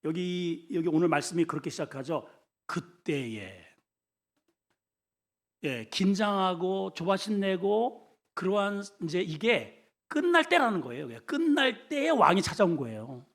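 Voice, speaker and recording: Middle-aged man preaching, high, very lively voice, animated storyteller who leads call-and-repeat. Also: unhurried. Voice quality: mock shouts for comic voices. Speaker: senior pastor. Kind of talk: sermon.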